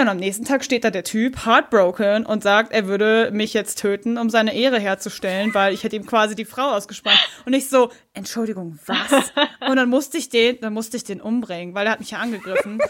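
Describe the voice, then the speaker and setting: Lively young woman telling a gaming story. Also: a little high. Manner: animated storytelling, imitates voices, laughs often. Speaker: podcast guest. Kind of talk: casual gaming podcast chat.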